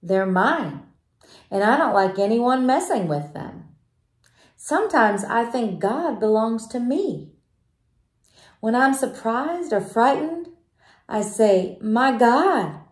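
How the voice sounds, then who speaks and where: Slow, gentle woman reading to kids. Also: fairly high pitch, big pitch swings. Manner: slow, gentle storytelling with questions to children. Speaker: children's book reader. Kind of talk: reading a picture book aloud. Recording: roomy echo.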